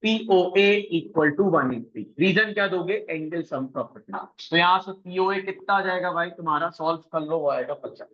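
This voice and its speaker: A man teaching a coaching class, briskly quizzing his students and mixing English math terms into his talk. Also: on the high side, highs cut off. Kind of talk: classroom lesson.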